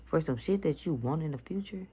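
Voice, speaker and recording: A woman's voice: deep voice, expressive, a little fast, warm tone, breathy edge. A young woman telling a story to her viewers in a blunt, slangy, profane rant. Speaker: vlogger. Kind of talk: casual storytime vlog.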